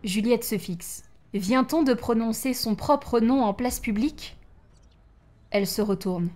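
A woman narrating a story aloud with an expressive delivery. Her voice sits a little high, and she acts out the scenes as she reads. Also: a little slow. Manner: expressive, acting out each line.

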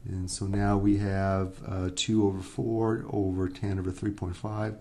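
A man's voice: deep voice, level tone, measured pace, dark tone. A man giving a recorded economics lecture, working through problems step by step and often checking in with "right?". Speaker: economics instructor.

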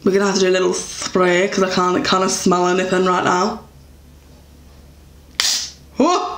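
Chatty English woman, slightly gravelly voice. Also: lowish voice, flat delivery, moderate pace. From England. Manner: chatty, rambling, many fillers and self-corrections. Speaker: beauty vlogger. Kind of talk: casual product review. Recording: echoey room.

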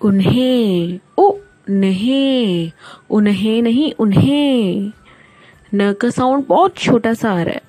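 A woman teacher dictates words to young children at a very slow, deliberate pace, sounding each one out piece by piece. Her voice is warm and mellow, recorded close in a dry space. Soft music plays faintly underneath. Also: on the high side, dry recording. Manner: patient, repeats words and spells them out sound by sound.

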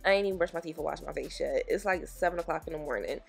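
A woman with a rough, husky voice and a gravelly edge gives a relaxed nail tutorial voice-over. She sounds freshly woken and raspy, talking straight to her viewers in a chatty, encouraging way. Soft music plays faintly behind her. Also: sits low, rapid-fire. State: raspy from just waking up. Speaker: nail technician.

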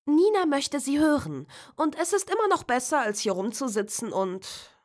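A woman's voice: sits high, big pitch swings, normal speed, pitched above the performer's own voice. A woman voicing a mature teenage girl who scolds her brother firmly. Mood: stern. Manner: firm and reproachful.

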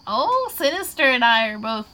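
A giggly young woman with a lilt, slightly tipsy, rambles happily through viewer questions while she crafts. Her voice sits a bit high, and she laughs between sentences. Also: very animated, normal speed, sharp tone. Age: 20s. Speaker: craft vlogger hosting a live Q&A. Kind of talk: casual livestream chat while crafting.

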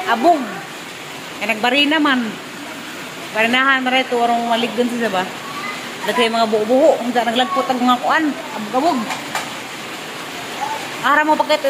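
A chatty woman with a high voice talks casually to her viewers. She laughs easily. Constant background noise sits under the recording. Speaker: vlogger. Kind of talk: casual home vlog chat.

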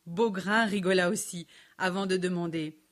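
A woman narrating a children's storybook with a clear, measured, expressive delivery. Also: on the low side.

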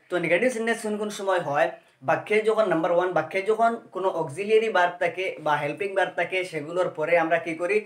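Male tutor, patient step-by-step explainer, slightly high voice, roomy echo. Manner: explains step by step, asks rhetorical questions and answers them; reads example sentences slowly word by word. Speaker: English grammar teacher. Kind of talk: Bengali-language grammar lesson.

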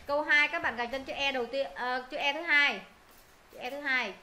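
Woman teacher drilling words over and over, high bright voice, echoey room. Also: brisk. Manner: drilling, repeating words, quizzing students. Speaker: English teacher. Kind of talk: live pronunciation lesson to students. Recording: echoey room, faint noise.

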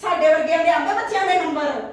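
A woman's voice: very high voice, fast. An actress playing a scornful rich woman who taunts her maid's daughter with mocking laughter. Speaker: actor in a short family drama. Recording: echoey room, voice from a distance.

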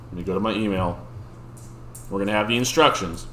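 Opening mail on camera in a dimly lit room furnished with gaming chairs, this channel host in his thirties keeps up a chatty patter full of laughter. He talks a little fast in a fairly low, slightly bright voice, captured in an echoey space with faint background noise.

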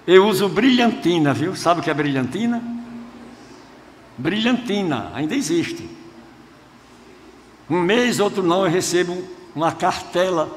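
A male pastor preaching a sermon, telling stories from his own life and swinging between hushed tones and rousing shouts. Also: high voice, animated, measured pace, long pauses. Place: large church hall. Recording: long hall reverb, faint noise.

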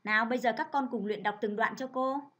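Guiding children through a reading lesson, a female primary school teacher reads clearly and steadily in an instructive manner. She has a slightly high voice with a fairly bright quality.

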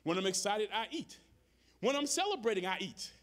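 Lively high-voiced male pastor preaching. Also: fairly quick. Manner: conversational preaching, calls out to the congregation; rhythmic repetition of phrases. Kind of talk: sermon. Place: church sanctuary, live service.

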